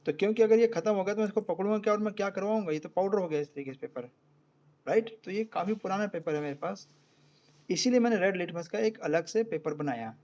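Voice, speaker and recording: A man's voice: high-pitched, fast talker, a little mellow, lo-fi sound. A man with an Indian accent teaching an online science class in Hindi, explaining step by step and often checking whether students follow.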